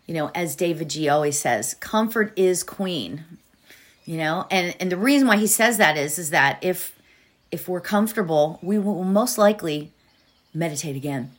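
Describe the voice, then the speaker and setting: A woman's voice: lowish voice, lively intonation, moderate pace. A woman teaching meditation and positive thinking in an informal, encouraging manner, repeating phrases for emphasis. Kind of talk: guided meditation and motivational coaching.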